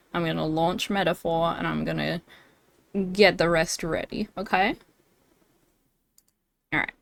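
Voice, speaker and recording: A young woman streams live with a fairly low, creaky voice, chatting casually. She's bubbly and giggles often, and her speech is full of fillers.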